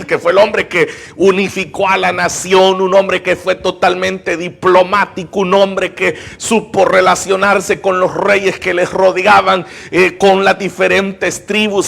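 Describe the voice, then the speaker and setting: A man's voice: high-pitched, gravelly, fairly bright tone, slightly rough. A man preaching a sermon as pastor of a church, telling biblical stories and acting out the dialogue of their characters.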